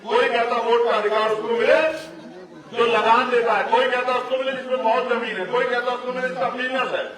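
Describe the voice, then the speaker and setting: A man's voice: very high-pitched, flat delivery, brisk. A man giving an impassioned political speech at an outdoor election rally, stopping now and then to direct the crowd. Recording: echoey loudspeaker sound from far off with crowd noise. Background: large crowd.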